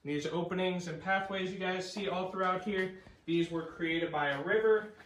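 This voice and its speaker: A man's voice: high-pitched, normal speed, a bit bright. A man working as a tour guide, casually explaining things to a group inside a cave. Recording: echoey cave, distant mic, background noise.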